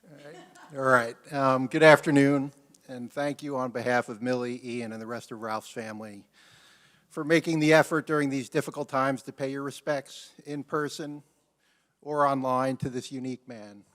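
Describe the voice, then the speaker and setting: A man, a newspaper editor, giving a measured and formal eulogy at a memorial service, with a dry joke. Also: mid-range voice, fairly even intonation, fairly bright tone. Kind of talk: memorial speech.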